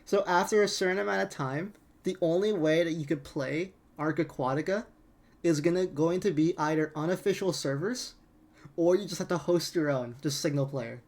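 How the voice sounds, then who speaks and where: A man's voice: fairly high pitch, moderate pace, a little mellow. A man giving a casual, exasperated rant as gaming commentary, incredulous and prone to swearing.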